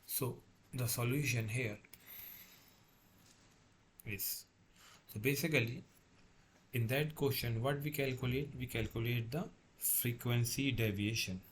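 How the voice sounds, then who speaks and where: A man lecturing as a tutor, working through a problem step by step in a halting way, repeating and correcting himself. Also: mid-range voice, slight background noise. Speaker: engineering tutor.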